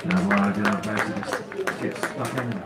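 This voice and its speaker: A man commentates on combat sport in short, choppy bursts. He sounds away from the mic and echoey, with a very loud crowd all around. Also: fairly low pitch, measured pace, recorded from a distance, very noisy. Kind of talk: live play-by-play commentary. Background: loud tournament crowd.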